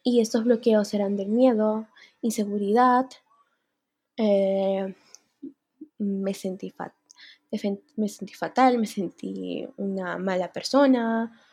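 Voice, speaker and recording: Young woman, unscripted personal vlog, candid, emotional, husky, warm tone. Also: mid-range voice, fairly even intonation, slow pace. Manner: candid, emotional, near tears at times. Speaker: vlogger.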